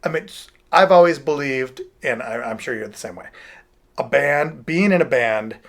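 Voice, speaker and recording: A middle-aged man, a music producer, chatting as an interview guest in an animated, rambling way with many restarts and asides. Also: mid-range voice, moderate pace. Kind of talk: casual interview talk.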